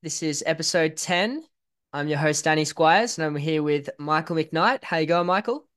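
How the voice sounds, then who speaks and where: Higher-voiced man hosting a casual podcast. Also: normal speed, fairly bright tone, clean tone. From outside Northern Ireland. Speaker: podcast host. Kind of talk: casual chat.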